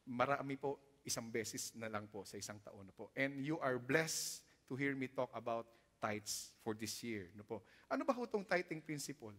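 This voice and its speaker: Animated Filipino pastor in a reverberant hall. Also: male voice, medium pitch, normal speed. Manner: switches between Tagalog and English, dramatic swings in loudness for emphasis. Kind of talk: sermon. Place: church sanctuary.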